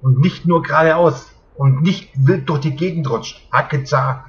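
A man's voice: on the high side, measured pace, highs cut off. A man in a berserk, exasperated rage, swearing heavily as he commentates his own video gaming. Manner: berserk angry ranting, heavy swearing, exasperated. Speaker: gamer recording gameplay. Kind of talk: ranting video game commentary. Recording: clear game noise behind voice. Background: racing game sounds.

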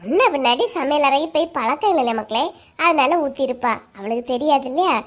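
A woman's voice: high-pitched, lively intonation, a little fast, voice pushed down. A woman doing a bossy cartoon mother. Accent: Kanyakumari Tamil. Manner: coaxing, bossy, talks down to her kids. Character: scheming, bossy village mother. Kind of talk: cartoon voice acting.

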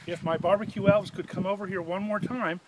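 A man's voice: sits high, steady tone, fairly quick. A man in his fifties demonstrating a product outdoors, with a chatty, joking salesman's patter. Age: 50s. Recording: audible outdoor background noise.

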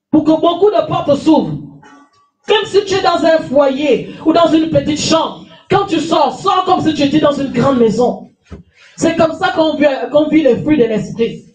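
This middle-aged woman pastor from France has a cold and delivers a sermon emphatically from a lectern, repeating phrases and calling for amens into a handheld mic. Her voice sits high and is a little mellow. The small church hall with a stage echoes, and a far camera catches her from a distance.

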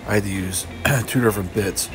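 An older man narrating his own woodworking project in a casual, halting way with many fillers. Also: fairly low pitch, over music. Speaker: homesteader vlogger. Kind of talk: casual DIY voice-over narration.

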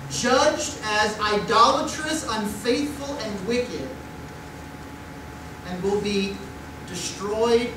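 A middle-aged man preaching a conversational sermon at a pulpit, with rhetorical questions and mock voices, recorded on a distant room mic in a church sanctuary. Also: sits high. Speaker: pastor. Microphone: far room mic at a pulpit. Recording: echoey church from far off with noise.

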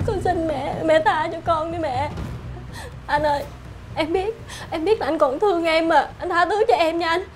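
A woman's voice: very high-pitched, moderate pace. A woman playing a scheming young unfaithful wife who talks in a sugary, whiny way, with music behind. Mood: pleading. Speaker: daughter-in-law. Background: background music.

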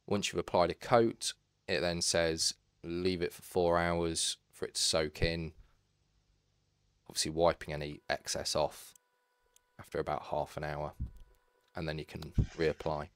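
Very deep-voiced man explaining woodwork. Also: measured pace, clear, resonant tone, no echo. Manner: calm, practical, step-by-step advice. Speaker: woodwork tutorial narrator. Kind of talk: instructional voice-over.

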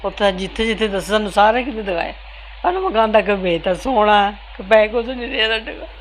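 An older woman answers an interviewer's questions in a plain, weary voice of middle pitch. She speaks simply and directly, with faint ambience behind her. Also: expressive, quick pace, a little hiss or hum, low-quality recording. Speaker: interviewee, mother.

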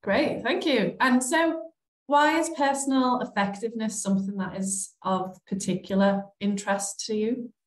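A woman's voice: a little high, moderate pace. A young woman hosting an interview over a video call, reading an introduction and asking questions in a friendly way. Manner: friendly, reads introductions with fillers. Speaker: host. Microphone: laptop webcam on a video call. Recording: echoey room on a video call.

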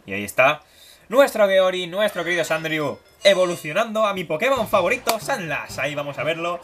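A man's voice: big pitch swings, a little fast, noisy background. A young man gives casual, playful commentary while playing a video game. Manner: playful, voices game characters in silly high tones. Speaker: gaming YouTuber. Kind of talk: casual Let's Play commentary. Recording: game music behind voice.

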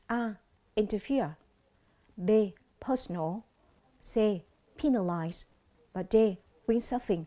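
A Vietnamese woman with a Vietnamese accent teaches an English vocabulary lesson on television. Her medium-pitched voice is expressive and dark in tone, and she speaks slowly and clearly, repeating each word.

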